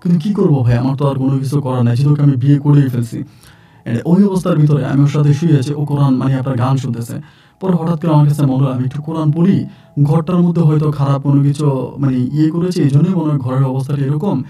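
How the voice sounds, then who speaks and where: A man's voice: fairly high pitch, quick pace, mellow. Guy rambling through his own real-life story, earnest, lots of fillers, sounds a bit far from the mic. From Sylhet, Bangladesh. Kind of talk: first-person true-life storytelling.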